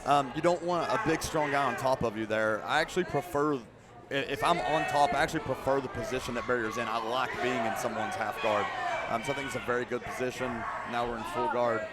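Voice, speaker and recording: A man's voice: medium pitch, a little fast. A man giving casual analysis during live fight commentary, explaining tactics like an experienced co-commentator. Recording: very noisy live event.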